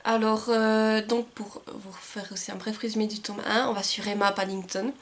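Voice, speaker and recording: A woman's voice: mid-range voice, level tone, moderate pace. Chatty, enthusiastic woman book vlogger. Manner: chatty and enthusiastic, with frequent filler words. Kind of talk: casual book haul chat.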